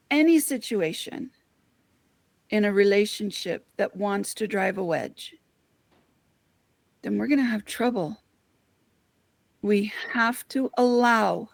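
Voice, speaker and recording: Woman host, slow earnest spiritual talk, kinda gravelly, dry close sound. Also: mid-range voice, no room sound. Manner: earnest, heartfelt storytelling; addresses listeners as friends.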